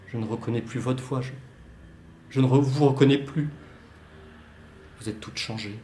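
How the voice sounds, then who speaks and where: A young man, a student actor, reads a play solo, pleading as an anxious lover who stutters and repeats lines. His natural, warm, medium-pitched voice keeps a moderate pace. There's a little hiss or hum, and the room echoes.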